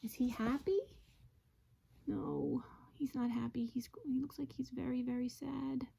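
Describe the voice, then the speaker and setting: A teacher reading a picture book aloud to young children, pausing to ask them questions and often dropping into a soft whisper. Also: female voice, high-pitched, flat delivery, creaky, breathy edge. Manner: gentle, asks listeners questions, drops to whispers. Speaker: teacher reading to her class.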